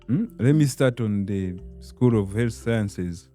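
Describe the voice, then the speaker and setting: A young man with a Rwandan accent, a student leader, speaking in a halting way with many restarts. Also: lowish voice, expressive, mellow, faint music behind. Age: young adult. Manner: laughs often, halting. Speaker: student guild president. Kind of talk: casual interview chat.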